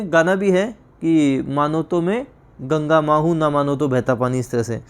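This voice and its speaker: Male tutor, fairly high voice, drawn-out spelling, trails off low at ends of points; exam-prep lecture. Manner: explains slowly, spells words out and repeats them. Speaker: teacher.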